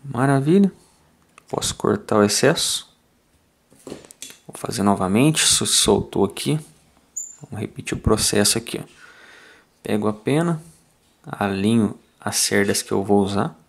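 A man with a Brazilian Portuguese accent explains fly tying step by step in a calm, methodical way, counting off each turn aloud. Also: fairly low pitch, a little slow, vocal fry, pauses often. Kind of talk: step-by-step tutorial narration.

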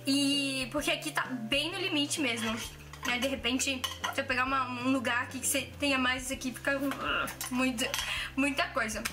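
Speaking at a normal pace in a high voice, this cooking vlogger is a woman in her twenties who talks chattily and hesitantly, often starting her sentences over and leaning on fillers. The setting is a kitchen, captured by a camera mic at arm's length, with background music and clinking dishes underneath.

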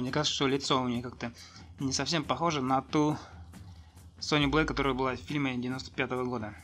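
A man's voice: medium pitch, a bit bright. A man giving casual, rambling and hesitant commentary as he reviews a video game. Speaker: gaming video host.

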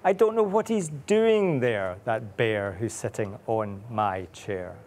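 A man voicing a grumpy little male mouse from a storybook, speaking in slow, measured rhymes. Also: medium pitch, expressive, darkish tone, slight background noise, pitched below the performer's own voice. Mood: grumbling. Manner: slow, measured rhyming speech.

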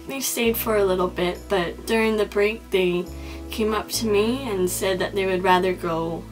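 A young woman talks straight to camera in a mock-serious confessional vlog. Her pitch sits in the middle range and her tone stays earnest and solemn. She often stumbles and restarts her sentences. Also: low-quality recording. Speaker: comedy vlogger.

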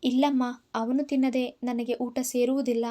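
A woman voicing a gentle elderly mother. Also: high-pitched, flat delivery, normal speed, natural voice. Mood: tender. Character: gentle elderly mother, soft-spoken and loving.

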